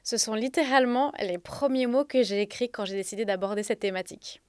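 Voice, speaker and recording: A woman speaks as the host of a self-help episode in a fairly high voice. Tonsillitis gives her a slightly throaty sound, as if talking around swollen tonsils and a sore throat. She explains things directly and conversationally to her listeners, with a very dry sound free of room echo. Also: fairly quick, darkish tone, smooth. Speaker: podcast host.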